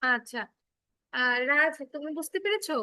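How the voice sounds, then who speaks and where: A woman's voice: sits high, lively intonation, normal speed, sharp tone, dry recording. A woman teaching English phonics to children in a class, explaining patiently, repeating herself and checking that they understand.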